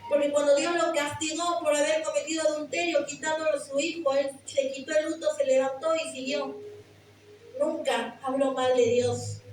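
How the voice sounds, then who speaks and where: A woman's voice: high voice, fairly even intonation, moderate pace, a little hiss or hum. A woman preacher giving an earnest sermon that rises to impassioned emphasis, recorded in a church. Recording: very echoey church hall, mic far off.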